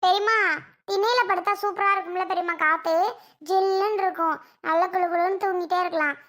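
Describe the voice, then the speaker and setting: A woman's voice: extremely high pitch, steady tone, fast, fairly bright tone. A woman voicing a chatty young girl who pleads with her aunt and tattles on her cousin, in a cartoon. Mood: pleading. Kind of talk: cartoon voice acting.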